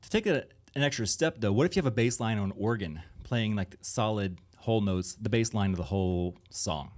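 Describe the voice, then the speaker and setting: A man with a somewhat low voice gives a live workshop in a conference room. He talks casually and rambles, with plenty of fillers and asides as he explains his production tricks to the audience. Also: fairly quick, a little mellow. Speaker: music producer and engineer giving a workshop.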